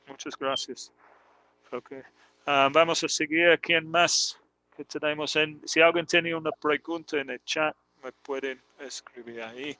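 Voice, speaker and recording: A man teaching in on a live stream, explaining slowly and patiently with many fillers. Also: fairly high pitch, sharp tone, no room sound, rough recording. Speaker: English teacher. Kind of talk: live online English lesson in Spanish.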